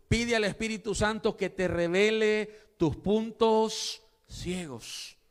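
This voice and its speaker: A man's voice: high-pitched, clean tone, in a large hall. A man preaching an earnest sermon as pastor, speaking to his listeners as usted. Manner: earnest, addresses listeners as usted, acts out quoted prayers. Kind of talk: sermon teaching. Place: church.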